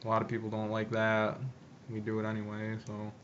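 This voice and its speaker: A young man talks around chewing tobacco in a very flat, fairly low voice. His talk is casual, slangy and full of swearing. The recording is muffled and noisy. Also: a little fast. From upstate New York, United States. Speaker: video co-host. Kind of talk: casual chat and anecdotes. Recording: muffled, noisy amateur video audio.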